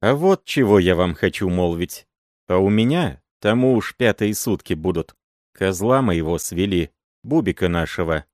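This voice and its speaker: A man's voice: deep voice, animated, normal speed, darkish tone, no echo, studio quality. A man voicing an old woman teacher who shrieks fierce curses in an audiobook reading. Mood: accusing. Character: old woman teacher, shrill, vengeful, cursing.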